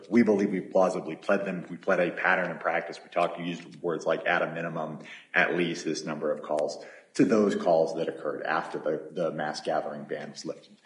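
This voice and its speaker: A man attorney making an appellate oral argument, halting and often repeating his words. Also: low-pitched, roomy sound.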